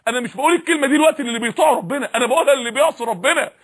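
A man's voice: extremely high pitch, racing, husky. A man with an Egyptian accent preaching a sermon, fiery and full of repeated rhetorical questions.

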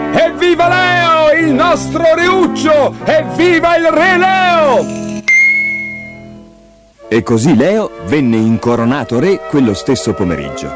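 Lively low-voiced man reading a fairy tale. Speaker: storyteller. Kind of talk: scripted fairy-tale narration.

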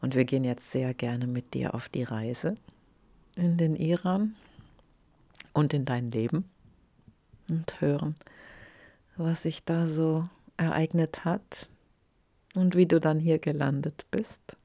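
A woman hosts a radio interview, asking calm, gentle questions. She speaks slowly and unhurriedly in a very low, mellow voice. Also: dry recording.

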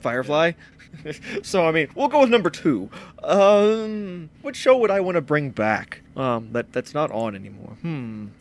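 A man's voice: on the high side, sing-song, a little slow. A man co-hosting a podcast in casual, rambling, self-mocking comedic chat. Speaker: podcast co-host.

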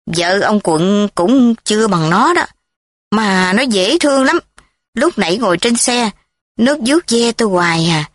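A woman's voice: medium pitch, expressive, unhurried, no room sound. A woman reading the lines of a nosy, fretful elderly village aunt in a recorded story.

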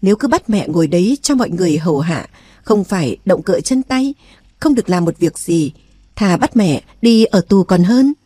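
A plain-spoken old village mother , as a woman narrator puts her on talks in a homely, gently scolding way. Her voice is mellow and dry-recorded. This is a storybook reading. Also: on the low side, animated, normal speed, dry recording.

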